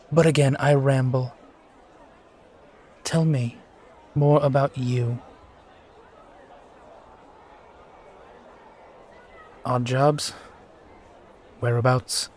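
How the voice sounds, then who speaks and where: Man playing a slow-spoken, wistful sky pirate captain. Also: medium pitch, a little mellow, a little hiss or hum, lightly acted. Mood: defiant, reflective, then nostalgic. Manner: wistful, courtly, rambling, given to sighs. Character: brooding, charming steampunk sky pirate captain, war veteran. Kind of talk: immersive one-sided roleplay audio acting.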